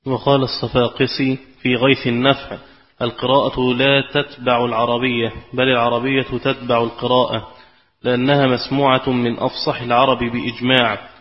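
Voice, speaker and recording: Man reading aloud flatly in a hall. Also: medium pitch. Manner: formal measured reading. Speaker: student reading the text aloud. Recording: lo-fi recording in a reverberant hall.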